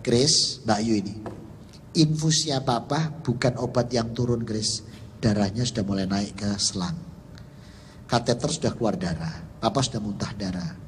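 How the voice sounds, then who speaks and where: A man's voice: on the low side, normal speed, slight background noise, close to an everyday voice. A man voicing his worried older sister urgently reporting over the phone.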